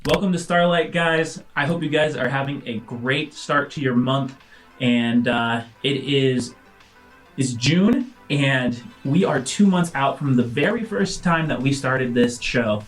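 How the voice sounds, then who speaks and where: Faint music plays behind a man whose mid-range voice runs a little slow. He hosts and game-masters a tabletop role-playing podcast, chatting informally, talking directly to listeners, and narrating the game.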